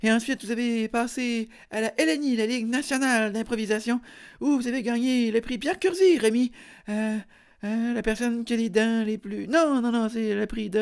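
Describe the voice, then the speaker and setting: A man's voice: very high-pitched, smooth. A young man with a Quebec French accent talks alone as a podcast host. He plays it as a dry mock interview, rambling along and stumbling over hesitations as he goes. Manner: deadpan, rambling, full of hesitations.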